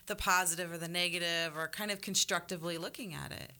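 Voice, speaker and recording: A woman's voice: fairly low pitch, fairly even intonation, quick pace, bright, forceful tone. A woman speaking as a discussion partner, explaining things reflectively in loose, conversational phrasing. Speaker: discussion guest or co-host.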